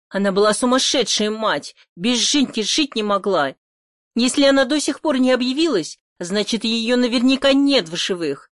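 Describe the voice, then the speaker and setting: Женщина изображает резкую надменную даму. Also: female voice, on the high side, dry recording, studio quality, close to an everyday voice. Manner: sharp, scornful, snapping back. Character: haughty, irritable middle-aged woman, sister-in-law. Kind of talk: audiobook character voice.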